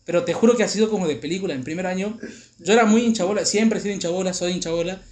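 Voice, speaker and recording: A young man with an Argentine accent, hosting a podcast and telling stories in a lively, laughing, swearing way. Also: sits high, rapid-fire. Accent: Argentine Spanish. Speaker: podcast host. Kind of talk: casual storytelling chat. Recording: roomy echo.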